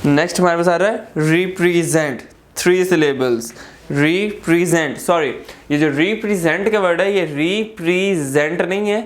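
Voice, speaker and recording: Slow-explaining Pakistani male teacher. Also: a little high. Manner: explains slowly, repeating words and asking rhetorical questions. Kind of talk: classroom grammar lesson.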